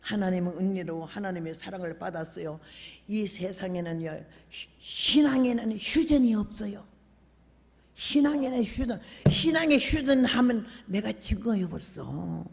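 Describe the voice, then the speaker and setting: An older woman preaching a sermon in a colloquial, animated way, telling stories from her own life and acting out the dialogue. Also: mid-range voice, gravelly, in a large hall. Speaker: revival preacher. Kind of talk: sermon with personal storytelling. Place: church sanctuary.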